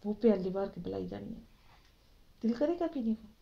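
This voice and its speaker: A woman's voice: medium pitch, lively intonation, creaky. A woman with a Pakistani Urdu accent teaching children religion in an online class, often asking them questions to keep them involved. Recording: dull lo-fi audio.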